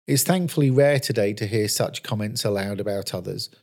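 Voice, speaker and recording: A man preaching, telling a Bible-based story in a measured, earnest storytelling manner. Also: fairly low pitch, a little mellow. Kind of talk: scripted sermon narration.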